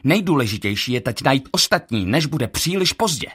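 A man voicing a weary young woman with a husky, faint voice, urgent and clipped in an audiobook. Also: mid-range voice, very animated, fairly bright tone, pitched above the performer's own voice. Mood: tired, urgent.

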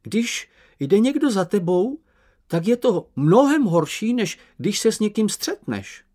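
A man voicing a small, timid, boastful male creature in an audiobook, with a squeaky, anxious, whiny manner. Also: very animated, mellow. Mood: fearful. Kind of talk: audiobook character voice.

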